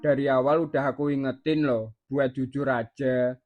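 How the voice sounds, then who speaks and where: Someone doing a flat hesitant cartoon husband. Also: medium pitch, moderate pace, narrow, tinny audio, soft background music, natural voice. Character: calm husband, plain middle-aged man.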